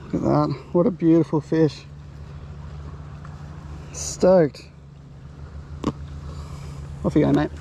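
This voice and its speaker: Man, Australian accent, young adult, gravelly, mellow, excitable fishing chat, outdoors on a lake bank. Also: on the high side, slow pace, long pauses, a little hiss or hum. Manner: excited, swears, cheers fish on. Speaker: fishing vlogger. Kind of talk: casual chat while fishing. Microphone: chest-mounted action camera.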